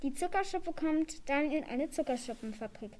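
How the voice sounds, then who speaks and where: High-voiced woman reading a story. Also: animated, normal speed, a little mellow, slight background noise.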